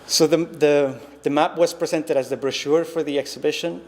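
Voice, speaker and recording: His voice on the high side, steady in tone and slightly mellow, a visiting artist speaks at normal speed during an artist talk. He is in his thirties, hails from Costa Rica, and is a native Spanish speaker, with a reflective, hesitant style marked by ums and restarts. The gallery recording carries long reverb and faint noise.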